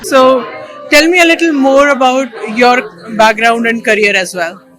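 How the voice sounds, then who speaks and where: A woman's voice: a little high, steady tone, a little slow, over music, rough recording. A woman hosting a casual on-camera interview. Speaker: interviewer and host.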